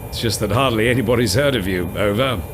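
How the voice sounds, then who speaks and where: A man's voice: fairly low pitch, fast talker, pitched below the performer's own voice. A man playing a fussy, apologetic air traffic controller who talks in formal radio protocol over a walkie-talkie. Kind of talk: comedy sketch radio chatter.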